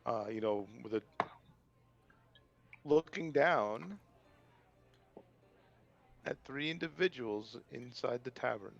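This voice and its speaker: A man's voice: medium pitch, animated, takes it slowly, gravelly, pauses often, highs cut off. A man chatting casually as he plays a tabletop game.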